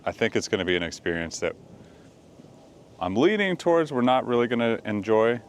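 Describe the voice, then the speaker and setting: A man's voice: mid-range voice, lively intonation, a little fast, slight background noise. A man casually chatting outdoors by a campfire in falling snow, rambling with lots of fillers. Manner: rambling, filler-heavy talk with many "like"s. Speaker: channel co-host. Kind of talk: casual chat.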